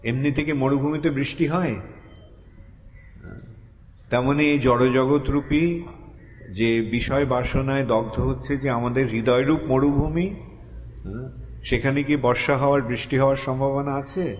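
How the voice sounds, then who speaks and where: Slow older man preaching in a hall. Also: mid-range voice, fairly even intonation. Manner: slow, explaining verse by asking questions and answering them himself, chanting lines. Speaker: Vaishnava monk giving a seminar. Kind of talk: Bengali devotional sermon. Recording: long hall reverb, faint ambient noise.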